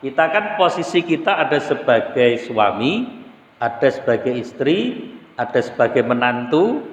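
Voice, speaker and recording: A man giving a relaxed, conversational sermon in a mosque, asking his listeners rhetorical questions. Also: mid-range voice, unhurried. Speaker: Islamic preacher. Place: mosque hall. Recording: echoey hall, dull lo-fi sound.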